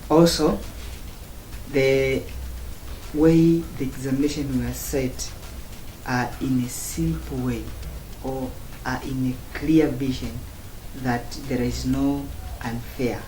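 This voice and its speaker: A man from Tanzania, giving a student testimonial in slow, halting phrases broken into short chunks. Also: mid-range voice, fairly even intonation, darkish tone. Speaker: former student giving a review. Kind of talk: spoken testimonial. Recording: roomy echo, faint background noise.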